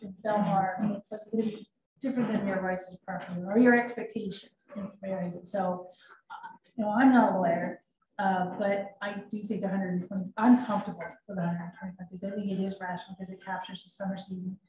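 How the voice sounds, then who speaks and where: A woman's voice: mid-range voice, fairly even intonation, fast, a little mellow, far from the mic, a little hiss or hum. A woman in her fifties, a council member thinking aloud in a meeting discussion. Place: council chamber. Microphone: desk microphone. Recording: echoey chamber.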